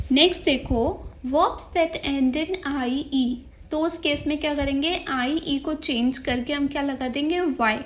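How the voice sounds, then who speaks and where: A woman's voice: high-pitched, dull audio, slight background noise. A woman with an Indian accent teaching an exam-prep grammar lesson, explaining each rule step by step and spelling words out letter by letter. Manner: mixes English terms into Hindi speech.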